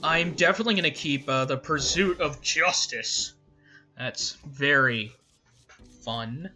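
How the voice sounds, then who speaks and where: A woman's voice: deep voice, unhurried, pushed and bright. A woman doing casual game commentary, playfully thinking aloud as she plays. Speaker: gaming host. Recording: faint game music behind.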